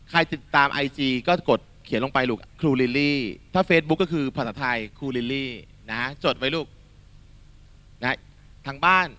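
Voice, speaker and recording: A man teaching a lively exam-prep lesson to a hall of students, quizzing them and calling them "child" in a coaxing, energetic manner. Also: mid-range voice. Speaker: Thai tutor.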